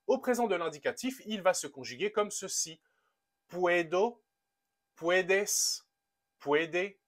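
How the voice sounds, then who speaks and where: A man runs a friendly grammar lesson in an upbeat, methodical way, with a voice pitched a little high for a man. He walks through each rule patiently and slows down to spell out every verb form one by one. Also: fairly bright tone. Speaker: language teacher. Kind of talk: explaining grammar to a camera.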